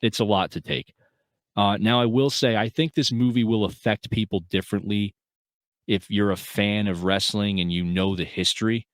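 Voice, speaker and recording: Co-hosting a film podcast, a man with a lowish, steady voice talks at normal speed in casual film review chat. He's earnest and rambling, with plenty of fillers and restarts, and there's no echo.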